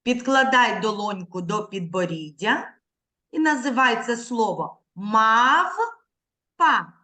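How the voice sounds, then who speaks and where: A woman teacher giving an online literacy lesson to young children over a video call, speaking slowly and clearly, drawing words out syllable by syllable and patiently prompting her pupils. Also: on the high side, expressive, sharp tone. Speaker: primary school teacher.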